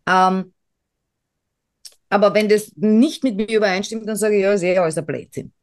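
A woman's voice: mid-range voice, normal speed. A woman co-hosting a podcast in casual chat, rambling and self-mocking, with many fillers and restarts. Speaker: podcast co-host.

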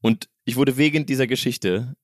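A man around thirty co-hosting a podcast, telling an anecdote in a casual, animated way and laughing often. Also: mid-range voice, normal speed, no room sound, clean studio sound. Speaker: podcast co-host. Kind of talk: casual storytelling chat.

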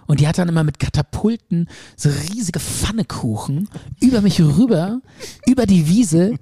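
A man's voice: high-pitched, normal speed, slightly rough, no echo, studio quality. A man casually telling a long story on a podcast, rambling and acting out the quotes. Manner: animated, rambling, acts out quotes. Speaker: podcast co-host.

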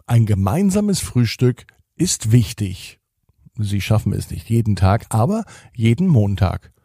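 Gravelly, dark-voiced male storyteller. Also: lowish voice, no echo, studio quality. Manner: slow, gentle, expressive read-aloud. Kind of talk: children's story narration.

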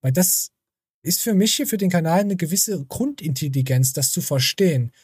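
Male podcast host, crude and sarcastic, husky voice, dry close sound. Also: fairly high pitch, expressive, moderate pace, darkish tone, no room sound. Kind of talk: casual podcast chat.

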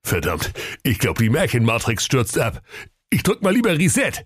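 A man's voice: medium pitch, huge pitch swings, husky, no room sound, clean studio sound, voice pushed up. A man voicing a bossy, hot-tempered fairy-tale brother who barks and scolds. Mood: irritated, bossy. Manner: bossy, shouting, quick to anger. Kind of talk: comic radio fairy-tale acting.

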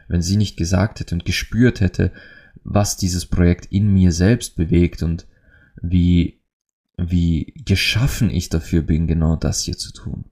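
A man's voice: deep voice, vocal fry, dark tone. A man hosting his own podcast, talking alone in an earnest, emotional way with many restarts. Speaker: podcast host. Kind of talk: reflective solo podcast monologue.

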